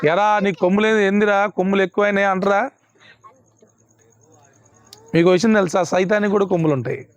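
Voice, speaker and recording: A man's voice: high-pitched, steady tone, brisk, no room sound. A male pastor preaching a sermon, emphatic and repeating his questions to the congregation. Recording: dull lo-fi, dry sound.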